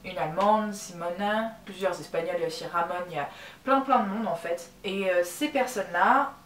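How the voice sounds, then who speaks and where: A woman's voice: on the low side, a little fast, a bit bright, distant mic. Chatty French woman in a roomy space. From France. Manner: chatty, candid, lots of fillers and restarts. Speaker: YouTuber. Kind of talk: casual vlog storytelling. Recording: roomy echo, voice a bit off-mic, faint background noise.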